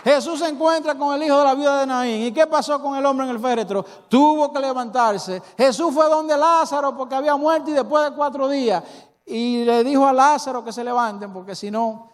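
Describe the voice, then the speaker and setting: A man's voice: very high voice, moderate pace. A male pastor with a Dominican accent preaching a sermon, emphatic and full of rhetorical questions to the congregation. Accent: Dominican Spanish. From Dominican Republic. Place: church hall. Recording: reverberant church hall.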